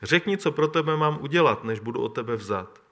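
A man reading the lines of Elijah, a calm and resolute old prophet, in a plain, low-key voice. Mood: solemn.

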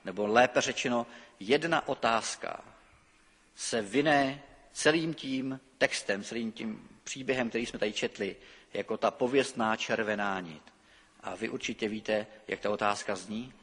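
A middle-aged man preaches a sermon, reading scripture in a lively, expressive way, then speaking freely in a halting manner with hesitations and fillers. His voice is lowish with a breathy edge, and the recording carries the long reverb of a church hall.

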